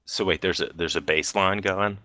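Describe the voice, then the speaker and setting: Halting low-voiced man player. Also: steady tone, sharp tone, dry recording. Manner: halting, repeats words and fills with uh. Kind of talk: casual tabletop play.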